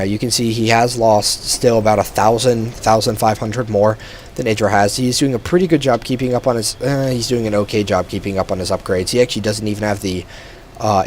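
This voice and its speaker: A man commentating a strategy video game match alone, chatty and relaxed with frequent fillers, a bit tired. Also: on the low side, slight background noise.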